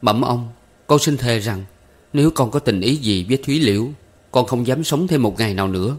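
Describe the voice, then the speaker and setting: A man's voice: medium pitch, expressive, a little fast, breathy edge, pitched above the performer's own voice. A man voicing an anxious young man who humbly pleads with his elders. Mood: pleading.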